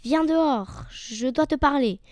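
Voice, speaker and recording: A hungry big bad wolf barks out his orders in a storybook reading, as a woman puts him on. The voice jumps higher and louder, shouting and demanding. It is a bold, blustering fairy-tale villain. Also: unhurried, dry recording, studio quality. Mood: commanding.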